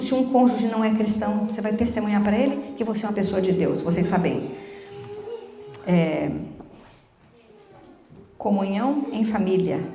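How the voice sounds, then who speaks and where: Middle-aged woman giving a sermon, soft mellow tone, talks fast and tells stories, long reverb from the hall. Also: medium pitch. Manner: animated storytelling, quick talk; asks the congregation questions. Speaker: church speaker. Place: church sanctuary. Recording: echoey church hall.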